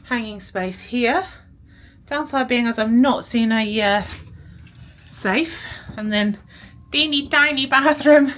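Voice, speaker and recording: A woman's voice: high-pitched, takes it slowly, fairly bright tone. A British woman vlogging aboard a cruise ship in a casual, rambling way with lots of fillers. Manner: chatty, rambling, many fillers. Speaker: travel vlogger. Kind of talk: casual vlog chat. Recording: clear music behind the voice. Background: music playing.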